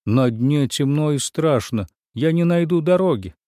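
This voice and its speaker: A man's voice: a little high, expressive, unhurried, warm tone, dry recording, studio quality. Man doing a timid, plaintive monster. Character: timid sad gentle monster. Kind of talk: storybook reading.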